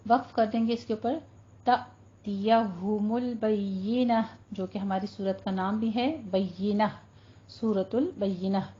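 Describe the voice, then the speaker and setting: A woman teaching Quran recitation rules, patiently explaining and drawing recited words out slowly. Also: medium pitch, steady tone, dark tone, lo-fi sound. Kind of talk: tajweed lesson with slow recitation.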